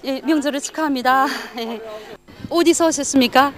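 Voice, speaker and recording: A woman's voice: sits high, normal speed. A woman with a North Korean accent reporting and interviewing formally as a field reporter.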